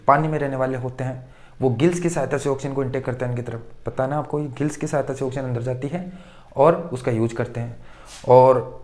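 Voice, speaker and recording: A man teaching a school science class. He asks his pupils a question, answers it himself, then repeats the term again. His pitch sits in the middle of the usual male range. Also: darkish tone. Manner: addresses students fondly as children. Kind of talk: classroom-style science lesson.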